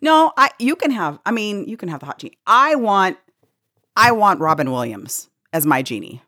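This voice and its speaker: A middle-aged woman co-hosting a casual podcast chat, animated, laughing a lot and swearing freely. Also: mid-range voice, normal speed, no echo, clean studio sound. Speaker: co-host.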